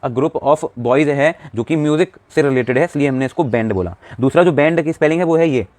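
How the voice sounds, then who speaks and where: A young man teaching an English vocabulary lesson at a brisk clip. He often puts a question to his viewers and then answers it himself. The sound is dry and close, with no room around his voice. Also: on the high side, darkish tone, no echo. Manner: explains, then asks the class questions and answers them himself; often says "theek hai" to check in with the viewer. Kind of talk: classroom lesson explaining vocabulary.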